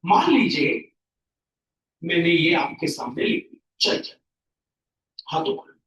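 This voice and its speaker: A male tutor teaching a math class, speaking slowly and repeating key terms for his pupils, with a mix. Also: on the high side, wildly swooping pitch, a bit bright, dull audio. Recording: roomy classroom, mic at a distance.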